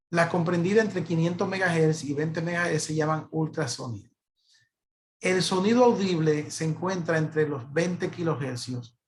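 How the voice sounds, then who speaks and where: Slightly high-voiced man giving a lecture. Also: a little hiss or hum. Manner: explanatory, repeats and restarts while thinking. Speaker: radiologist lecturer. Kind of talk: educational lecture.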